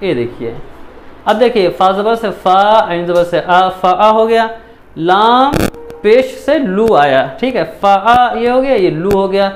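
A high-pitched man leads a step-by-step Quran reading lesson. He spells out each syllable slowly and patiently, checking in often with his pupils. A faint hiss sits under the recording. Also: expressive. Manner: patient, repeats syllables slowly, frequent "theek hai".

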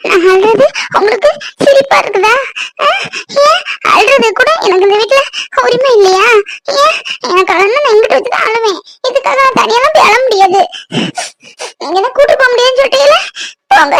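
A woman's voice: very high-pitched, a little fast. A woman voicing a tearful, stubborn young married woman in a cartoon who sobs and argues. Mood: defiant crying. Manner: sobbing, pleading, accusing.

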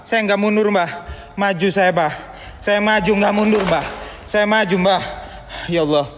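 A man with runs a live ghost hunt in an empty building, his fairly high voice jittery as he calls out into the dark. He talks into a handheld phone, and long reverb trails each word against a faint hiss. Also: moderate pace. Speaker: ghost-hunting streamer. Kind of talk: live ghost-hunting stream. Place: empty haunted building indoors. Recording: reverberant hall with faint noise.

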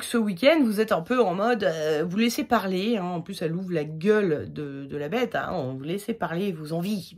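A woman's voice: deep voice, darkish tone, husky. A woman giving a casual weekly tarot reading, chatty and rambling with many fillers, her throat slightly irritated. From France. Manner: jokey, laughs at her own slips. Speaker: tarot reader.

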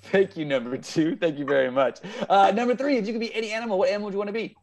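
He speaks rapid-fire in a high, darkish voice. This improv teacher in his thirties is hosting a playful game show through a video call from his home, keeping things upbeat and frequently repeating answers back.

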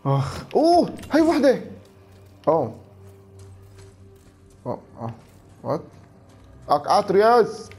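Male streamer, thirties, Levantine accent, high and very animated, exclaiming game commentary. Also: moderate pace, pauses often, soft background music. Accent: Levantine Arabic. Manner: animated, exclaiming, talking to himself. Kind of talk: excited let's play commentary, switching between Arabic and English.

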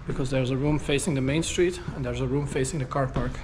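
A chatty travel vlogger in his 30s narrates as things happen, thinking aloud in a mid-range voice that is steady in tone and fast. He moves from a city street into a hotel lobby, then the lift, the corridor and his room. The action camera he holds at arm's length records noisy audio full of street and room ambience.

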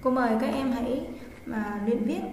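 A woman schoolteacher with a slightly high voice is dictating for writing practice. She goes slowly, phrase by phrase, and repeats herself. The recording is very echoey, with faint noise behind her. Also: darkish tone. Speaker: primary school teacher. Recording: echoey, reverberant room with background noise.

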